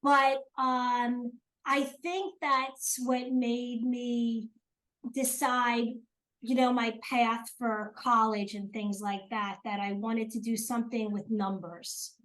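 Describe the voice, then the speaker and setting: A woman's voice: a little high, flat delivery, takes it slowly, fairly bright tone, poor audio. An older woman from South Jersey with a South Jersey accent, chatting as an interview guest, hesitant with many ums and restarts. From South Jersey, USA. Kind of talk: casual interview chat.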